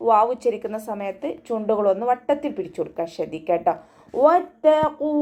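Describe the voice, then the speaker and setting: A woman with a Malayali accent leads an online recitation class. She explains each rule in a patient, even tone, then breaks into slow, drawn-out chanting of the verses. Her voice sits at a middle pitch. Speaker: Quran recitation teacher. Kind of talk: tajweed lesson with chanted recitation.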